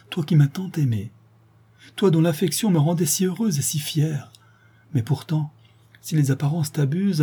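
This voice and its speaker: A man's voice: medium pitch, dark tone, husky. A man reading an audiobook, voicing a proud, desperate noblewoman who pleads with her son in an impassioned, declamatory way.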